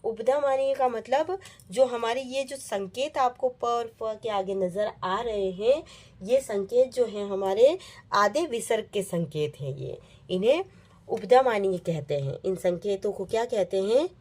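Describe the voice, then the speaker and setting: A woman's voice: fairly high pitch, animated, measured pace, darkish tone. A woman teaching a lesson, patiently repeating terms and asking and answering her own questions. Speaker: Sanskrit teacher. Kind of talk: online classroom lesson.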